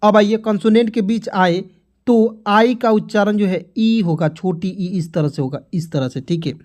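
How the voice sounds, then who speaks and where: A man's voice: high voice, normal speed, darkish tone. Hindi-speaking man teaching pronunciation. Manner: repetitive, keeps addressing viewers as friends; motivational, exhorting. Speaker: English teacher. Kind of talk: online pronunciation lesson.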